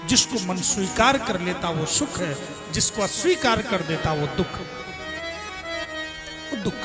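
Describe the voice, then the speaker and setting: A man preaching a devotional sermon, telling stories and acting out the cries and voices of their characters in an animated way. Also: high voice, unhurried. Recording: long hall reverb with music behind.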